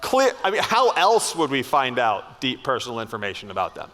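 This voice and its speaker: A man's voice: mid-range voice, huge pitch swings, a little fast, sharp tone, slight background noise. A man leading a school chapel assembly, joking playfully with the students.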